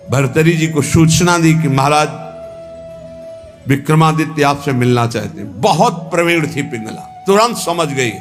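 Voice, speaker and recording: A man with a slightly high voice tells a devotional legend as a spiritual teacher would. He slips into the characters' lines as he narrates. Soft music plays faintly under him. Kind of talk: devotional storytelling discourse.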